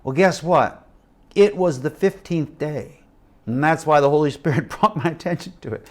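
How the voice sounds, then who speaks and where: Middle-aged man, sermon storyteller, lively and dramatic, swings from loud to hushed. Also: a little high, normal speed. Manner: animated storytelling with acted quotes and shifting loudness. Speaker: missionary preacher.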